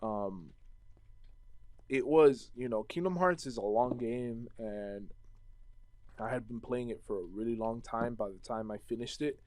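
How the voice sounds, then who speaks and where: A man's voice: mid-range voice, a little slow, a little mellow, no echo. A young man chatting casually at home while playing a game, rambling and restarting sentences as he tells stories and answers viewer questions. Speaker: gaming vlogger.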